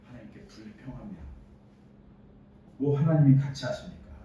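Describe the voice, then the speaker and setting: A man preaching a sermon from a distance in a very echoey church hall. His voice sounds mellow and dark. The recording is dull, with a faint hum of room ambience behind him. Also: medium pitch, moderate pace. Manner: explaining scripture with quoted dialogue, rising emphasis. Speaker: pastor. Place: church sanctuary.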